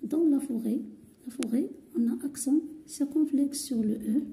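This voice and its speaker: A woman teaching a French grammar lesson, talking slowly and deliberately, spelling out letters, repeating words and often dropping to a half whisper. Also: sits high, warm tone, slight background noise. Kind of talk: slow lesson explanation.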